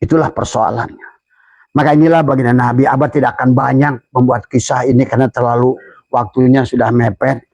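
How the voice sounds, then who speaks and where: Gravelly older man preaching a sermon. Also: fairly quick, dry recording. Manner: animated, shifts into loud high voices for quoted speech. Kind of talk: Sufi sermon.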